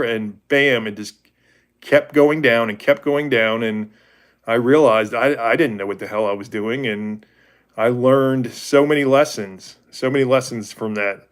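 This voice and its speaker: A man's voice: mid-range voice, normal speed. Man, 40s, livestream host; candid, rambling faith talk with viewers. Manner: rambling and candid, often restarts and corrects himself.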